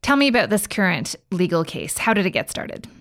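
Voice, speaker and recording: A woman's voice: mid-range voice, sing-song, brisk, fairly bright tone, no room sound, studio quality. A woman hosting a politics podcast, reading scripted narration and interviewing a reporter. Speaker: podcast host.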